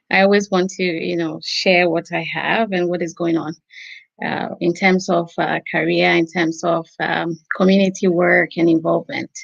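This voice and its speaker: A woman from Ghana introduces herself as a guest on an online show. Her voice is gravelly and soft-spoken, with many pauses. The audio is dull and muffled, like a video call. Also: on the low side. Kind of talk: conversational self-introduction.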